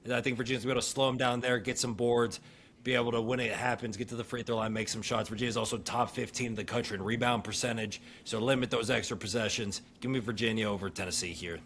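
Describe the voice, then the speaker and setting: A man's voice: medium pitch, fairly even intonation, quick pace, a bit bright, a little hiss or hum. A young man co-hosting a casual sports podcast, upbeat and laughing often as he rattles off team stats. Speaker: podcast co-host.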